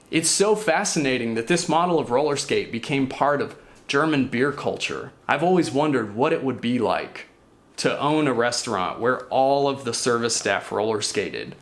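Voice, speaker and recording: A man hosting and narrating a history of roller skates in an earnest, curious way. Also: medium pitch. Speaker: host. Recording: faint music behind.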